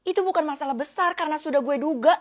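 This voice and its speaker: A woman's voice: high voice, fast talker. A woman narrating a cartoon story in a casual, teasing way. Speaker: voice-over narrator.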